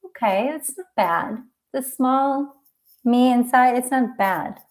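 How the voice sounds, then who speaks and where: A woman hosting a live healing talk, speaking gently and reflectively with drawn-out words. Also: fairly high pitch. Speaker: emotional healing coach and host.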